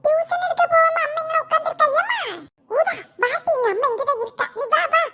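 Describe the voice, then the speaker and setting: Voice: very high voice, fast talker, bright, forceful tone, slight background noise. A performer voicing a worried, caring son in a cartoon, coaxing his mother and speaking. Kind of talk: cartoon voice acting.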